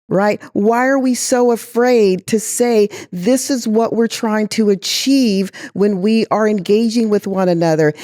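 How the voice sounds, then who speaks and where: A woman's voice: mid-range voice, dark tone, no echo, studio quality. A woman guest in an interview who speaks with passion, asks rhetorical questions and sighs heavily. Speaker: guest executive.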